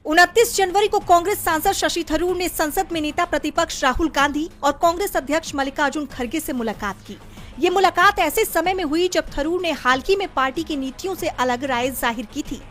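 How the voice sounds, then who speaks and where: A woman's voice: high-pitched, fairly bright tone. A woman reading a scripted news report as a voice-over. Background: music bed.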